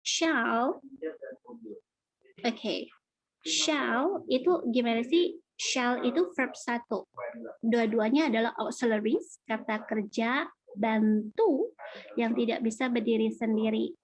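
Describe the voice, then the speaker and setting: A woman's voice: on the high side, slow, pauses often, low-quality recording. A woman English teacher with an Indonesian accent, casually explaining grammar and answering student questions in an online class.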